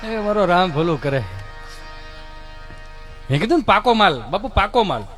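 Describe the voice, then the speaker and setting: A man's voice: high-pitched, moderate pace, soft background music. A man, telling a folk comedy monologue on stage and mimicking family members as he goes. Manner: animated storytelling, mimics family voices. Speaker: stand-up comedian.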